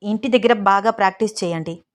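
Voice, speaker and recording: A woman voicing a sulking young wife who speaks curtly and calls out loudly. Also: mid-range voice, a little fast, natural voice. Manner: curt, calling out loudly. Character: young wife and dance teacher, sulking and curt.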